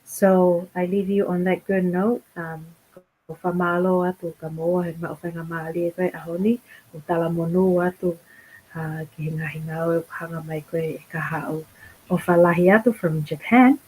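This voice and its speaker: A woman's voice: fairly low pitch, flat delivery, normal speed, mellow, a little hiss or hum, low-quality recording. A woman with a Tongan accent, giving an encouraging address as a guest speaker. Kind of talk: encouraging address mixing two languages.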